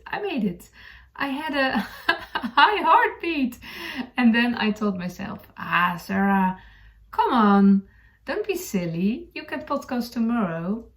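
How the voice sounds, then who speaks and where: A woman from the Netherlands hosts a knitting podcast, chatting casually to camera in a creaky, medium-pitched voice with a Dutch accent. She's hesitant, searching for words and chuckling now and then.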